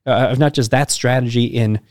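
A man hosting a church podcast interview, upbeat and a little halting, with fillers and restarts. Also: medium pitch, fairly even intonation, darkish tone, dry recording, clean studio sound. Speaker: podcast host.

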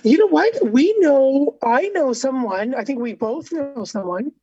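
A woman's voice: sits high, lively intonation, a little slow, mellow, no room sound. A woman co-hosting by remote call, chatting casually, her voice muffled as if she were talking from a closet or through a wall. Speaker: co-host. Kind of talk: casual chat. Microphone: remote call microphone.

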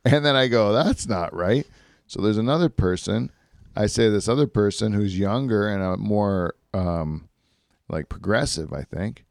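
A man's voice: lowish voice, normal speed, vocal fry, dry recording, clean studio sound. A man hosting a podcast in casual chat, rambling and laughing as he tells stories. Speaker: podcast host.

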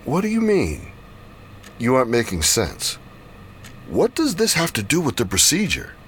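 A probing doctor, played by a man, questions his patient in measured turns. His pitch swoops widely from one phrase to the next, and a faint hiss sits under the recording. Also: huge pitch swings, a bit bright. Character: calm clinical man, procedure doctor, probing.

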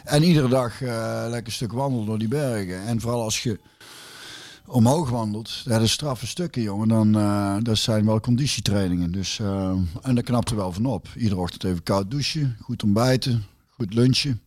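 A man's voice: lowish voice, normal speed, a little mellow. A man in casual chat, telling a long anecdote full of fillers, curses and his own laughter.

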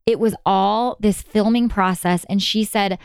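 A woman guest in a conversational interview tells stories earnestly, sometimes speeding up in quick bursts. Her medium-pitched voice is steady, darkish, clear and resonant, recorded at studio quality with no room sound.

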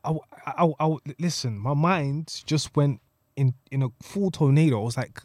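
A man's voice: fairly high pitch, brisk, a little mellow, dry recording. A man co-hosting a casual podcast, repeating phrases for emphasis. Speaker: podcast co-host. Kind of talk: casual group podcast chat.

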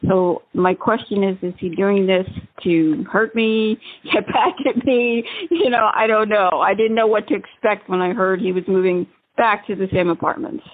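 A woman's voice: mid-range voice, steady tone. Woman caller on a tinny phone line. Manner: laughs often, quick to agree. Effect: heard over the phone. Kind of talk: call-in question to a radio show.

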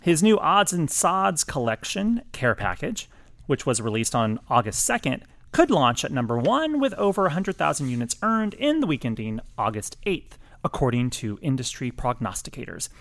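A man co-hosting a music podcast, reading chart news with wry, animated delivery. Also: on the high side, moderate pace, no echo. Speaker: podcast co-host.

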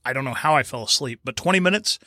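A man's voice: mid-range voice, lively intonation, fast, sharp tone, slight background noise. A man, chatting casually as a podcast co-host, telling stories emphatically and insisting on his points. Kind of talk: casual chat.

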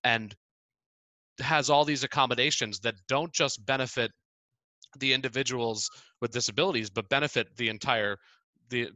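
Bright enthusiastic guy in an interview, halting, lots of ums, giggly, dry close sound. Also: mid-range voice, no room sound. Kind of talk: conversational interview.

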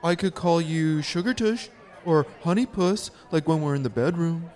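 Male actor as oddball clingy boyfriend, high male voice, syrupy, self-important, eager to please. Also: moderate pace, darkish tone, close to an everyday voice. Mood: cloying. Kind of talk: audio comedy acting.

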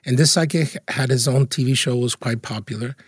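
A man with a husky voice, a guest in an interview, telling anecdotes in a lively, casual way with frequent laughs. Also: medium pitch, brisk, no echo, studio quality. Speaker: interview guest, feng shui consultant.

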